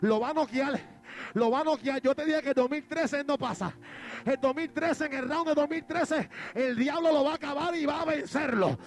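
A man preaching a fiery Pentecostal sermon, acting out a boxing match and shouting praise to the congregation. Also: very high-pitched, moderate pace. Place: church sanctuary. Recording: church service with music behind. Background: band music.

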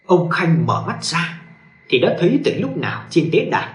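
A man tells a ghost story with dramatic flair. His voice is a little high and moves up and down a lot, and the recording carries a clear room echo. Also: big pitch swings, moderate pace. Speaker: narrator. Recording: echoey room.

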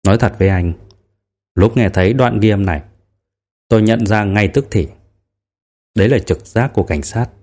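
A man reads as a middle-aged veteran detective in an audiobook, with a somewhat low voice. The detective talks in a measured, patient way and presses gently for the truth. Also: close to an everyday voice. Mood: probing. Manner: measured, quietly probing. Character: veteran male police detective, probing yet tolerant. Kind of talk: audiobook character reading.

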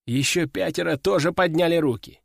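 Male narrator, first-person audiobook, lively tone, slightly raised pitch, dry close mic. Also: fairly quick, gravelly, dry recording. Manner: lively, expressive storytelling.

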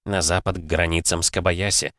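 A man's voice: low voice, flat delivery, brisk, a bit bright, no room sound, studio quality. A man voicing a loyal, deferential young battle mage.

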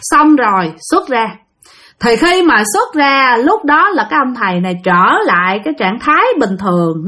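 A storyteller chattily relates ghost stories sent in by listeners, speaking directly to her audience in casual narration. Her voice is mid-range with a fairly bright tone.

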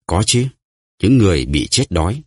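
A man's voice: sits low, sing-song, moderate pace, breathy edge, dry recording, studio quality, full character voice. Man voicing a cold, offhand bandit chief. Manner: detached, offhand. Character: cool, indifferent male bandit chief.

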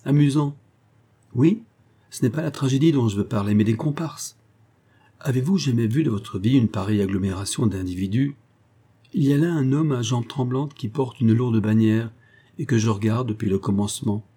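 A man voicing an eager, warm-hearted young English gentleman who speaks up earnestly for a friend. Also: mid-range voice, moderate pace, slightly rough, lightly acted. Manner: earnest, indignant in defence of a friend. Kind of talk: audiobook character voice.

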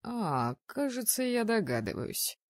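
A woman voicing a young male mage who speaks softly with gentle irony. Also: low-pitched, lively intonation, a little slow, no room sound, clean studio sound, voice pushed down. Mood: calm. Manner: soft, gently ironic.

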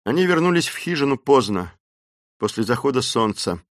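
A man narrating an adventure novel as an audiobook in a steady, expressive storytelling voice. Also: medium pitch, normal speed, no room sound, clean studio sound.

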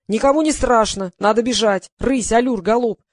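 An audiobook reader voicing an impatient male film director who barks orders at the cast. The lines are loud, clipped commands. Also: mid-range voice, normal speed, no echo, clean studio sound, natural voice. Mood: demanding.

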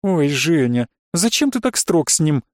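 A man's voice: fairly high pitch, big pitch swings, unhurried, dry recording, clean studio sound. Scheming stepmother, honeyed sing-song, played by a male narrator. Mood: sweet. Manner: sing-song, sweetly sneering.

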